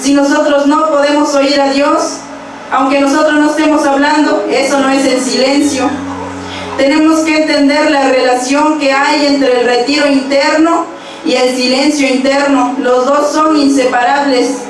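A young woman preaching a sermon at a church pulpit with a handheld mic, reading scripture verses aloud in a steady, measured way. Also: high-pitched, a little hiss or hum. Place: church stage with pulpit and instruments. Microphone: handheld microphone. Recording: very echoey church hall, from far off.

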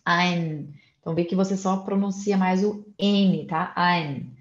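Slow-spoken woman teaching German pronunciation. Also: lowish voice, fairly even intonation, roomy sound, lo-fi sound. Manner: explains pronunciation step by step, slowly spelling out letters. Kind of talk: casual online language lesson.

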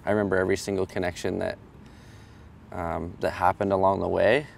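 Deep gravelly man, flat delivery. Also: a little fast, slight background noise. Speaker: hip hop artist. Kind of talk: interview talk. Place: outdoor steps. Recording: music bed under the voice. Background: music.

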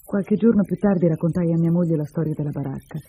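Husky male story reader. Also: on the high side, phone-quality sound. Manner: measured, expressive. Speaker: narrator reading a short story. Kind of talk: literary reading.

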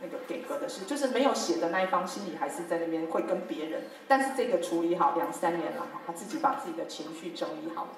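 Over crowd noise, a woman teacher with a fairly low voice and a Taiwanese Mandarin accent talks quickly with few pauses at a workshop for teachers. She shares classroom methods through lively stories, playing her pupils' lines and laughing, captured from a distance in a very echoey hall.

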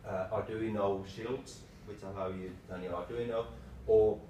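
With a steady, dark, low-pitched tone at a moderate pace, a male developer presents an informal lightning talk with slides, speaking in fragmented phrases. A camera mic across the small meeting room captures heavy room reflection and clear background noise.

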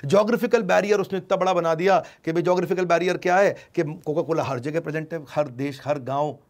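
A man giving an informal business lecture in a lively, emphatic way, now and then acting out what customers say. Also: fairly high pitch, fast. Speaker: business teacher.

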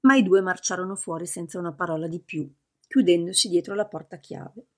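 A woman narrating a novel as an audiobook in a steady, measured reading. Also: on the low side.

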